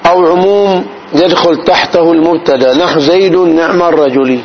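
A man with a fairly high, fairly even voice, slightly raised, gives a lesson on classical grammar. He explains each point slowly and frequently asks the class if it's clear. Faint hiss sits under the dull-sounding recording.

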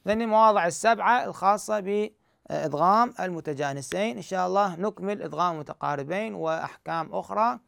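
A man's voice: sits high, quick pace, gravelly, a bit bright, clean tone, no echo, clean studio sound. A man teaching the rules of recitation, explaining step by step and answering his own questions. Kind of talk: tajweed lesson.

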